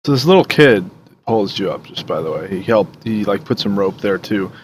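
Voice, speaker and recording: Low-voiced man running a tabletop game. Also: expressive, moderate pace, a little hiss or hum. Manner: casual, laughing often. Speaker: dungeon master.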